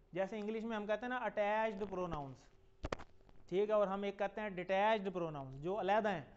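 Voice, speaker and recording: Male teacher, high voice, patient call-and-repeat drilling, dull lo-fi recording. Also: a little mellow, clean tone. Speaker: Arabic teacher. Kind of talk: classroom lesson with call-and-repeat.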